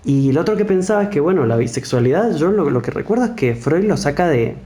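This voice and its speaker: A man's voice: a little high, big pitch swings, fast, dark tone. A man with an Argentine accent hosting a live online panel conversation, speaking in a thoughtful, rambling, wry way. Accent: Argentine Spanish.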